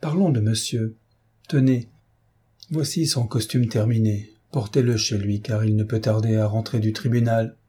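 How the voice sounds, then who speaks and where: A man's voice: on the low side, steady tone, moderate pace, warm tone, breathy edge. A man reading aloud, voicing an indignant middle-aged woman housekeeper in a raised, scolding voice. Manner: exclaiming, scolding.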